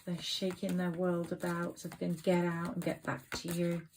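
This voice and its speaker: Gravelly-voiced woman reading tarot cards. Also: fairly low pitch, monotone, normal speed, a little mellow, slight background noise, rough recording. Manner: effusive, rambling, sentimental. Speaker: tarot reader. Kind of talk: tarot card reading to camera.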